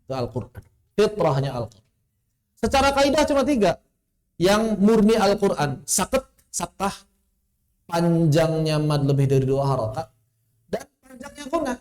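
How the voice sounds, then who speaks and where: A man's voice: high voice, sing-song, darkish tone. Man teaching, chanting Arabic examples. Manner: explains with examples, recites Arabic phrases in a drawn-out chant. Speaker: tajwid teacher. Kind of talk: online lesson. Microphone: online class microphone.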